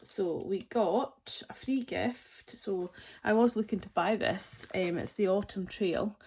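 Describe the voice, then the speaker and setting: Taking it slowly, a woman in her forties speaks in a medium-pitched voice that is a little mellow and slightly rough. As a budgeting vlogger, she rambles through a casual chat showing her budgeting items and jokes playfully about herself. Packaging crinkles loudly close to the microphone.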